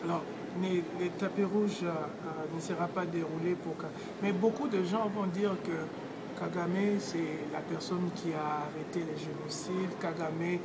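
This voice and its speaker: A man's voice: a little high, fairly even intonation, unhurried. A man interviewing people outside a hotel, probing and hesitant with many fillers. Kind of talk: street interview. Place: outside a hotel, noisy street. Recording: loud street noise behind.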